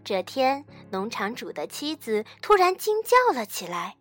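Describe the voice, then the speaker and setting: A woman teacher reading a bedtime story to children in a gentle, expressive way. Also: a little high, unhurried, husky, soft background music.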